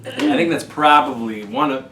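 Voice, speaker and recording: A man in his forties hosting a casual video chat in a jokey, halting manner. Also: medium pitch, bright, forceful tone, a little hiss or hum. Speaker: video host. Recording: echoey room.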